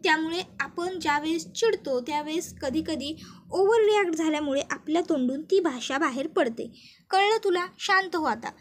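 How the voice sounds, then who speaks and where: A woman doing a calm, soothing cop husband. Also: high voice, moderate pace, a little hiss or hum. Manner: soothing, reassuring. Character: calm male police officer, soothing husband. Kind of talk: retelling TV serial dialogue.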